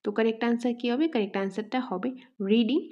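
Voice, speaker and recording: Higher-voiced woman teacher, dull recording. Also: fairly even intonation, mellow. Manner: reads English questions slowly, explains in Bengali. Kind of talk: exam practice lesson.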